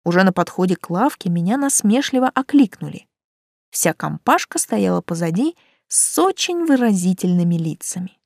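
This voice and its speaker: Animated woman narrating an audiobook. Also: on the low side, moderate pace, gravelly, dry recording, clean studio sound. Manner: expressive, animated. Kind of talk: first-person audiobook narration.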